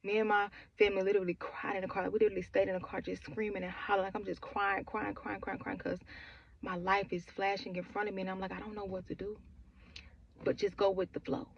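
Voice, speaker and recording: Fast and flat, with vocal fry in her mid-range voice, a woman in her twenties recounts her personal grief in a raw, repetitive, conversational way full of "like" fillers. The sound is dull.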